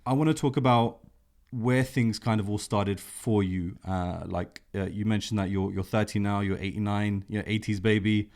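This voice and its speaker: A man's voice: lowish voice, steady tone, normal speed, a little mellow. A man hosting a podcast interview, talking in a loose, enthusiastic way. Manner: enthusiastic, full of fillers and restarts. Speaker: podcast host. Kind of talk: casual interview talk.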